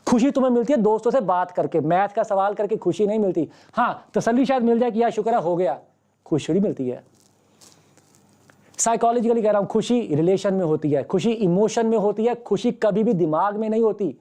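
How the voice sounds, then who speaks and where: A man's voice: high-pitched, fairly quick, warm tone. A man who teaches maths, giving a fatherly motivational talk to students in an online class and asking them rhetorical questions.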